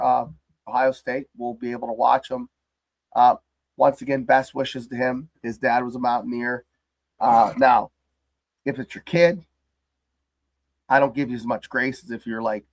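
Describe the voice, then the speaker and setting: In a casual livestream about sports, a male host with a mid-range voice rambles and jokes about his team. His voice is hoarse and crackly, worn down by the flu, and the sound is dry and close with little room echo.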